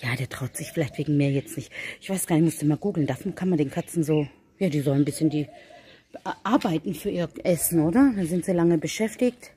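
A woman's voice: low voice, a little fast, mellow, a little hiss or hum. A woman vlogging casually while feeding her cats and other animals, calling to them in a sing-song voice. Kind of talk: casual vlog talk to animals and viewers.

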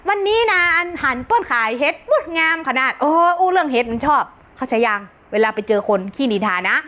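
Brash high-voiced woman. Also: very animated, quick pace, bright, forceful tone. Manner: brash, earthy, joking, with frequent laughter. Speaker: self-help teacher. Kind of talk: lively live-stream teaching talk.

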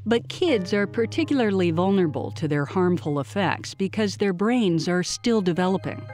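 A woman giving scripted documentary narration with a lively reading. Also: mid-range voice, moderate pace, soft background music.

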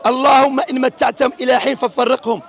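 A man from Algeria preaches in a heated street debate with a strikingly high, gravelly voice. He talks fast and forcefully, dropping Arabic quotations into his English. A faint crowd murmurs around him outdoors. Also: little pitch movement. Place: outdoors at a public speaking corner.

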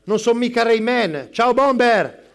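A man on stage playing a frazzled middle-aged barista who rattles off rapid replies to customers and phone calls, swearing under his breath. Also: very high voice, animated, vocal fry, full character voice. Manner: rapid-fire, juggling customers and calls, snapping asides. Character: frazzled middle-aged male barista, harried and foul-mouthed. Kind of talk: live stand-up character sketch. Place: live stage performance.

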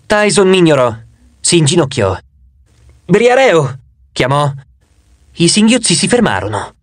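A man narrating an audiobook in the first person, expressive with a wry touch. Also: on the high side, a little fast, dry recording, clean studio sound.

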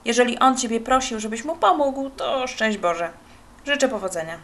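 A woman voicing a calm, phlegmatic male street poet in a children's storybook, speaking dryly and evasively. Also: on the high side. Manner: unhurried, evasive, dry.

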